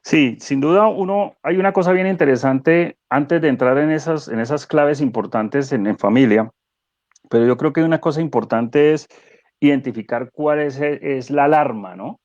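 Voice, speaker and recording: A man speaking as a guest neuro-coach in a conversational webinar, animated and explanatory, asking rhetorical questions. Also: fairly high pitch, normal speed, dry recording, muffled recording.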